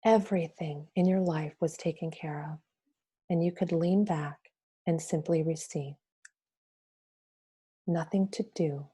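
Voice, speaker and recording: Very soft, breathy woman in goddess-like meditation. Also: sits low, steady tone, a little slow, long pauses. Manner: soft, breathy, hushed, drifting at times toward a whisper. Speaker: guided meditation leader. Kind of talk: guided meditation.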